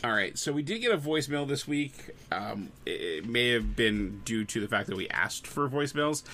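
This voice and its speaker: A man's voice: medium pitch, big pitch swings, normal speed, pushed and bright. A man hosting a casual podcast chat, playful and a bit rambling. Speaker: podcast host.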